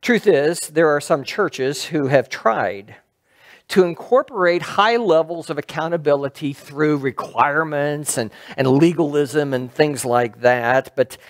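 A man's voice: on the high side, unhurried. A middle-aged man preaching a sermon from a lectern in a church sanctuary, in a conversational way that puts questions to the congregation. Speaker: pastor.

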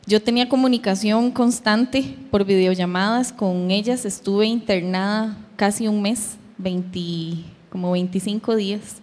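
A woman's voice: medium pitch, fairly even intonation, measured pace, hardly any pauses, darkish tone. A woman, giving a heartfelt personal testimony at a church youth meeting and acting out her daughters' words. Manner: emotional storytelling, acting out her daughters' voices. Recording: long hall reverb.

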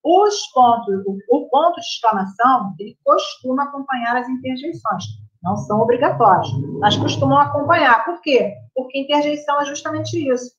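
A woman's voice: high-pitched, a little fast, few pauses. A Brazilian Portuguese-accented woman teaches a live grammar class. She talks in a chatty way and keeps checking in with her students. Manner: chatty, checks in with the class by constantly asking "right?". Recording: roomy, slightly muffled room sound.

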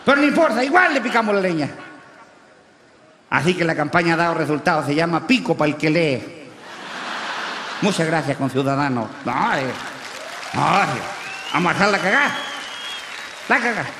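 A man playing a crude, rowdy rural Chilean huaso in a stand-up character monologue, speaking with a Chilean accent, full of coarse slang and shouted punchlines. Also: on the high side, expressive, moderate pace, pauses often, crowd noise, background noise. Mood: boastful. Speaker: comedian in character. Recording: live stage with long reverb.

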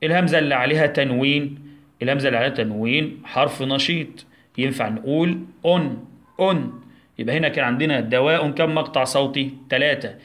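A man with an Egyptian Arabic accent teaches a recorded lesson for small children in a medium-pitched voice. He poses questions and answers them himself. He stretches out each syllable slowly as he drills the sounds. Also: fairly bright tone. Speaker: primary school teacher.

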